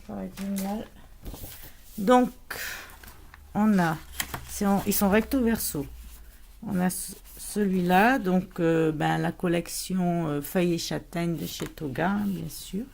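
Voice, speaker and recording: Slow-talking woman unboxing crafts. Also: lowish voice, steady tone, gravelly, a little mellow, a little hiss or hum. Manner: chatty, hesitant, many fillers and restarts. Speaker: scrapbooking vlogger. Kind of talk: casual haul unboxing.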